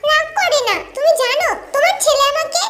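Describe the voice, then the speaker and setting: A woman's voice: extremely high pitch, a little fast, voice pushed up. A woman voicing a feisty, chatty twelve-year-old village girl who pouts and scolds, with music under the voice. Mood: pouty childish. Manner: pouting, scolding, childish.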